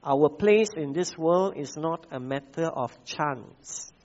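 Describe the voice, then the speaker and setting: A man with a Malaysian English accent preaching a sermon, repeating key phrases and pausing with frequent "uh" fillers. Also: on the high side, expressive, darkish tone, lo-fi sound. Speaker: pastor.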